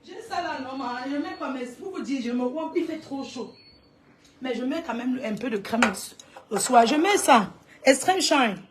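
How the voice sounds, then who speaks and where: Cameroonian lady doing a live chat, animated and chatty, keeps shouting maman at the viewers. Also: high-pitched, normal speed, heavy background noise. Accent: Cameroonian French. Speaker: live streamer. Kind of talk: casual livestream chat with viewers.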